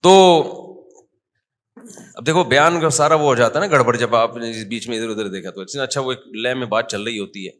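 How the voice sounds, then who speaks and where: A man's voice: mid-range voice, a bit bright. A man with a Pakistani Urdu accent giving a conversational sermon in a mosque, often quizzing the audience with questions. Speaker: mufti giving a Friday talk.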